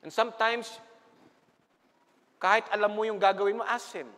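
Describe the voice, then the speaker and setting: A man, a pastor preaching a sermon with animated storytelling in a church. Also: high voice, normal speed. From Philippines. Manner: mixes English and Tagalog, animated storytelling. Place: church sanctuary. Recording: reverberant church hall.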